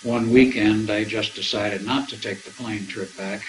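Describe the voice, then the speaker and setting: A man's voice: fairly low pitch, fairly even intonation, moderate pace, a little hiss or hum, poor audio. An older man recounting personal experiences in a rambling, conversational way, acting out the dialogue as he goes. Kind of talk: anecdotal storytelling.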